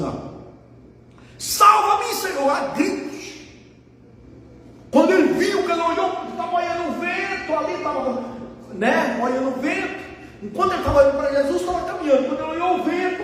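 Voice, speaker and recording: A man preaching a sermon to his congregation, emphatic and conversational as he speaks to them directly. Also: extremely high pitch. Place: church. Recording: echoey hall from far off, faint noise.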